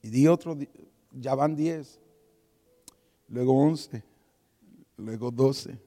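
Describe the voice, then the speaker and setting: A man's voice: mid-range voice, slow. A man preaching a sermon, telling a personal testimony and acting out the voices of the people in it. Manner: animated storytelling with quoted voices. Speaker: pastor.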